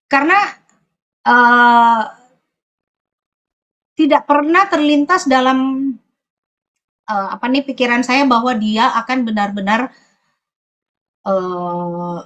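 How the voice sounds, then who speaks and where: A woman with a fairly high voice shares a personal church testimony. She tells it in a halting, searching way, often stopping to find the next word. She is from Sulawesi in Indonesia. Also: a bit bright, muffled recording. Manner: hesitant, often pausing to search for words. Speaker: church member giving a testimony.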